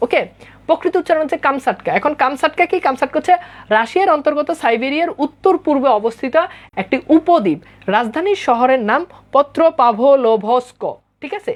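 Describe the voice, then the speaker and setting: Woman teaching a text. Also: high-pitched. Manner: reads old formal prose, then explains in casual speech; answers students' live comments. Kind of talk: explaining a Bengali text line by line.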